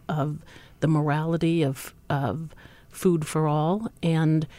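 A nonprofit leader answering interview questions in a steady, speech-like way with rhythmic lists. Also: medium pitch, dry recording.

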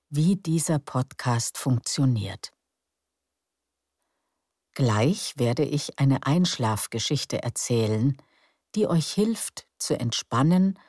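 A woman narrates soothing sleep stories as a podcast host, in a calm, gentle, unhurried way. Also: very deep voice, dry recording, clean studio sound. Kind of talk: soothing bedtime story narration.

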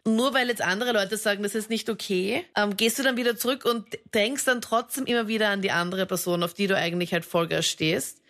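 A woman's voice: mid-range voice, brisk, hardly any pauses, fairly bright tone. A woman hosting a radio call-in show, asking probing, sympathetic questions. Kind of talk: casual radio call-in chat.

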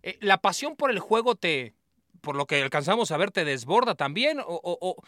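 A man's voice: high-pitched, big pitch swings, normal speed, bright, forceful tone, dry recording, studio quality. A man with a Mexican accent hosting a casual interview, teasing his guest with crude, joking banter. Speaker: host.

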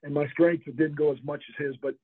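A man's voice: a little high, fairly even intonation, fairly quick, husky, dry recording. An older man from Florida, a former college football player, telling rambling anecdotes in an interview and laughing often. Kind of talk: interview storytelling. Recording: tinny phone-line sound, dry.

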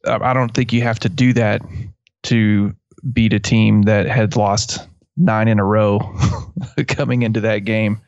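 A man's voice: lowish voice, fairly even intonation, measured pace, darkish tone, no echo, highs cut off. A man with a West Texas twang chatting casually about sports as a podcast co-host. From West Texas, USA.

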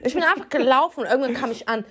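A woman co-hosting a podcast, telling a story in a lively, animated way, using crude street slang and acting out what people said. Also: sits high, racing, husky. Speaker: podcast co-host.

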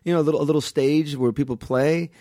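A man in his thirties, a guest born in Guatemala and raised in Miami, talking in a relaxed, thoughtful way with many fillers and restarts. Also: fairly high pitch, fast talker, no room sound, studio quality. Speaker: actor guest. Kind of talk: casual interview chat.

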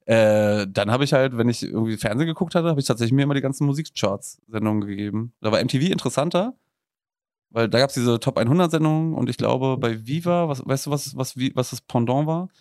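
A man's voice: medium pitch, quick pace, a little mellow, dry recording, clean studio sound. A man in his thirties co-hosting a podcast in casual chat, rambling with many restarts and laughing often. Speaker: podcast co-host.

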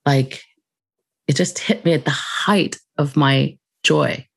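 An interview guest telling a personal story in a casual, reflective way, with many fillers and soft laughs. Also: mid-range voice, slow, vocal fry, husky.

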